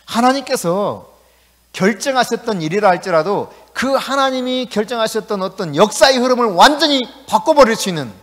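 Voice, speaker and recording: A male pastor preaching a sermon in a lively, conversational way in a church. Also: high voice. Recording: echoey church hall.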